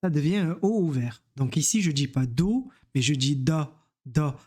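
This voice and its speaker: A man's voice: on the high side, expressive, fairly quick, warm tone. A man teaching reading, sounding out letters and syllables one at a time and repeating each word. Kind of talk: slow step-by-step reading lesson.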